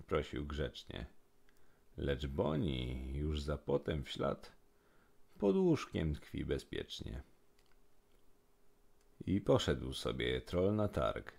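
Very deep, gravelly man reciting verse. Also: a little mellow. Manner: rhythmic, sing-song verse delivery. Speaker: narrator. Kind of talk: rhymed poem recitation.

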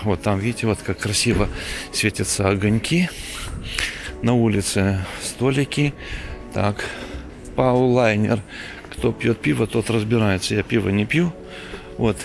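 Gravelly-voiced man on a night street walk. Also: lowish voice. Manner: chatty, unhurried, coughs now and then. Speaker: vlogger. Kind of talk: casual walking tour commentary. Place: city street at night, outdoors.

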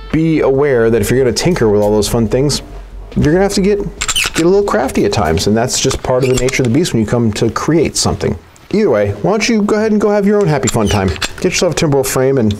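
A man's voice: mid-range voice, slight background noise. A man hosting a casual, joking product review of gun parts. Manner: relaxed, joking, chatty.

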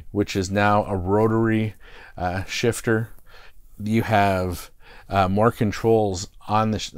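A middle-aged product expert with a fairly low voice gives an unscripted, stop-start how-to demonstration from the driver's seat of a parked motorhome. He uses fillers and restarts, and his lapel mic captures studio-quality sound with no room echo.

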